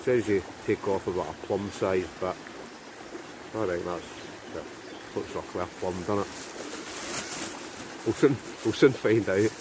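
A man's voice: deep voice, a little slow, pauses often. A Scottish man in his forties, chatting to camera and thinking aloud as he cooks at a riverside camp. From Scotland. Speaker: outdoor vlogger. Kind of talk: casual chat to camera. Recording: outdoor recording with river noise. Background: flowing river.

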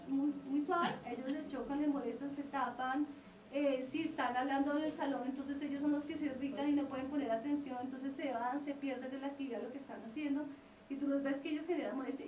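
Woman, lecturer, high voice, quick delivery, explanatory, roomy sound from afar. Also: darkish tone, a little hiss or hum. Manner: explanatory, often checks in with the audience. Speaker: lecturer on child development. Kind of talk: lecture to parents and teachers. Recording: roomy lecture recording from a distance.

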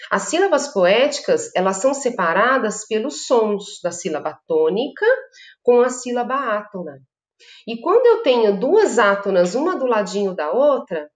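A Brazilian woman teaching a literature class, explaining patiently and often checking in with her students. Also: medium pitch. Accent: Brazilian Portuguese. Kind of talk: online class lecture. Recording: echoey room.

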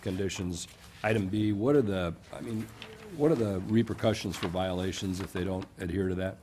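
A man's voice: deep voice, normal speed, a little mellow, a little hiss or hum. A man on a city council asking staff questions in an informal, probing way, with filler sounds. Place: council chamber, indoors.

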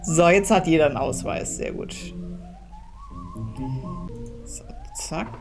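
A woman's voice: low voice, moderate pace. A woman hosting a let's play, chatting playfully while she plays through the game. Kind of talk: casual gameplay commentary. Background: game music.

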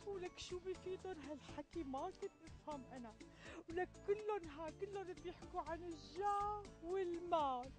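Very high-pitched indignant Syrian woman. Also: moderate pace, over music. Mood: exasperated. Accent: Syrian Arabic. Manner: exclaiming, complaining, rhetorical questions. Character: indignant, chatty middle-aged village woman. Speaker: actress in a TV sketch. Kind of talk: dramatic sketch dialogue. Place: outdoors in a leafy garden.

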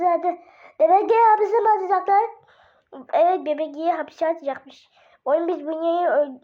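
A woman doing casual gaming role-play, voicing baby characters in excitable, slangy banter with herself. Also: sits high. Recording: dull lo-fi mic.

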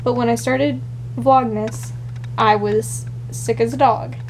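A young woman in her twenties, sick and shaky, rambles casually in a personal vlog with lots of fillers and restarts. Her fairly high voice has fairly even intonation and moves slowly. She's filmed close up on a camera's built-in mic in a small bedroom, with slight background noise.

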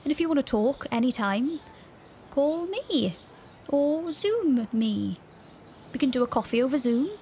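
A young adult woman acts in a fiction podcast, playing a breezy, caring British friend who chats and offers reassurance in naturalistic audio drama dialogue. Her high-pitched voice is animated yet dark in tone, a little slow, with some hiss or hum.

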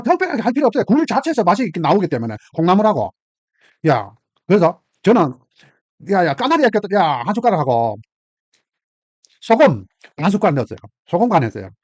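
A man's voice: high-pitched, a little mellow, dry recording. A middle-aged man with a Gyeongsang Korean accent, hosting a casual cooking vlog, chatty and exclaiming, laughing often as he talks to viewers. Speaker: cooking channel host. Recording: dull lo-fi dry sound.

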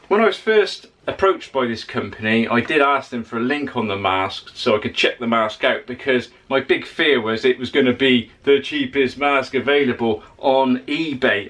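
A man's voice: medium pitch, fairly bright tone. Guy in his 40s talking through a tool review in his workshop, practical, gives straight advice. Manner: plain-spoken, practical, advice-giving. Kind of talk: casual product review. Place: home workshop with tools on the wall.

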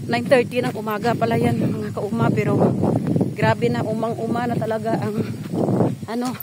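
Chatty higher-voiced woman vlogging outdoors. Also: little pitch movement, normal speed. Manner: chatty, talks straight to her viewers. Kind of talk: casual vlog commentary. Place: outdoors on a dry rural farm. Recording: loud outdoor background noise.

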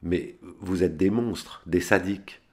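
A man with a very deep voice voicing a frail, frightened young Swiss bank clerk who pleads and protests. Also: normal speed, a little mellow. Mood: pleading. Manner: pleading, shrill outbursts.

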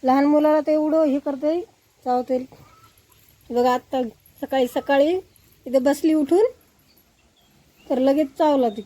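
Woman, chatty vlogger, warm low-bright tone, high pitch, yard outdoors. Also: fairly even intonation, unhurried, long pauses, no room sound, rough recording. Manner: chatty, showing things to viewers. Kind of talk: casual village vlog.

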